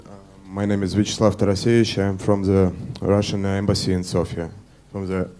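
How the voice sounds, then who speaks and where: A man with a low, dark voice gives a formal official statement at a conference. His delivery is flat and monotone, slow and deliberate, in carefully official phrasing. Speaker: embassy representative. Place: conference room.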